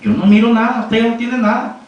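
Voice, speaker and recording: A man's voice: very high-pitched, level tone, brisk, dull audio, slight background noise, voice pushed up. Figure: faithful father in a spoken church story, patient and reassuring, as a preacher puts him on. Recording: echoey church, from a distance. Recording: echoey church room from afar.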